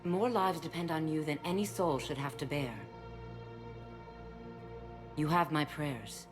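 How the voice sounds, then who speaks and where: A woman with a low voice and measured pace plays a dignified, guarded alien stateswoman in a video game. She speaks formally and diplomatically in a grave mood, with music in the background.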